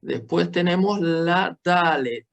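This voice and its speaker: A male teacher explains step by step in an unhurried, patient classroom manner. His voice sits a little high for a man. He keeps checking in with his students as he goes. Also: vocal fry. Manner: slow, explanatory, frequent checking tags. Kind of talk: classroom lesson.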